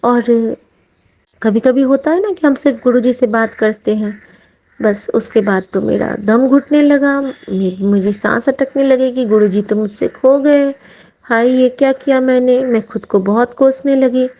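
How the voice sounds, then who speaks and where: A woman's voice: on the high side, measured pace, dark tone, dull audio. A middle-aged woman from Mithila, sharing a heartfelt devotional testimony and often addressing her listeners as sangat ji. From Mithila region, India.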